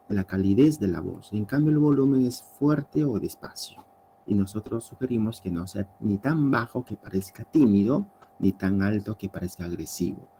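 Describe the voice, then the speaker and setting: A lower-pitched man, lecturing his class in a gravelly voice. His tone is very dark and mellow. A faint hiss sits under his words. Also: low-quality recording. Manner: explanatory, often ends points with tag questions. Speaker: teacher.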